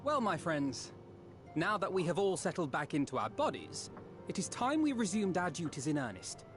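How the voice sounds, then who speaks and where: A man's voice: on the high side, sing-song, normal speed, music in the background. An actor playing an earnest, articulate young male leader with formal speech in a fantasy game. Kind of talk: scripted fantasy game acting.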